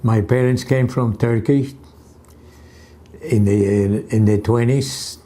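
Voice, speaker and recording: An older man from Cuba answering an oral history interview at home in short, halting replies. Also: medium pitch, fairly even intonation, dark tone.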